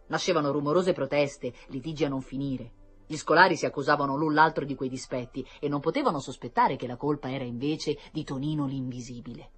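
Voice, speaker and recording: A woman reading a children's story aloud in an expressive storytelling manner. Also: very deep voice, brisk, faint music behind.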